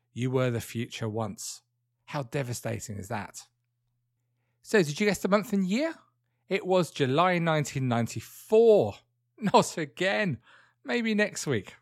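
A man's voice: fairly high pitch, no room sound, studio quality. A British man hosting a true crime podcast, narrating from a script in a conversational way with dryly wry asides. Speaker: podcast host.

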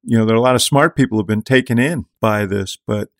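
A man's voice: fairly low pitch, quick pace, creaky, dry recording, clean studio sound. An older man hosting a political podcast, chatting casually and reading listener mail aloud. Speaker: podcast host.

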